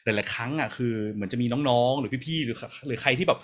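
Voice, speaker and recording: A man hosting a casual live question-and-answer podcast on a video call, explaining at length in a relaxed way. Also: medium pitch, fast talker. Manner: relaxed, explains at length with fillers and small laughs. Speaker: podcast host and design research director.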